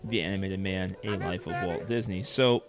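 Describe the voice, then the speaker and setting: A man with a fairly low voice talks casually as a co-host, reading passages aloud and dropping dry jokes between them. Music plays clearly underneath him throughout. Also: normal speed. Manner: wry, joking asides. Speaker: podcast co-host. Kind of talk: casual chat reading from web articles.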